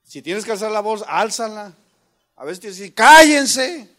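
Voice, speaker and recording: A man preaching from the pulpit in a fairly high voice, mixing jokes into the sermon. He addresses the congregation as brothers and breaks into sudden loud shouts when he acts out commands. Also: brisk. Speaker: pastor. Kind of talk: humorous sermon.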